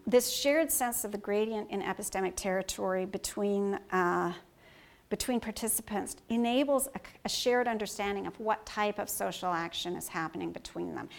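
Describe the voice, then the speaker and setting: A woman giving an academic lecture, thoughtful and halting, with frequent ums and self-corrections, reading quoted passages aloud. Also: medium pitch, vocal fry. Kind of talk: academic lecture on conversation analysis.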